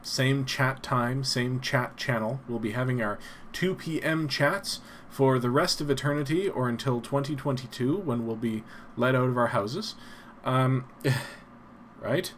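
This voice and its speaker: Slow, low-spoken old-timey radio announcer man. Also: a little hiss or hum. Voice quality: soft, low-spoken, breathy. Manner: rambling, self-deprecating. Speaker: live stream host. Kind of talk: casual live-stream chat.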